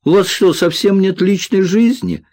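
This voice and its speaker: A man's voice: medium pitch, normal speed, a little mellow, no room sound, clean studio sound, lightly acted. A man doing a whiny young orderly. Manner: whining, complaining.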